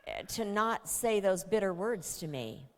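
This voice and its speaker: A woman voicing a patient mother who speaks in a soft, measured, coaxing way. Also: medium pitch, very animated. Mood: calm firm. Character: patient mother, calm and gently firm. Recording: long hall reverb.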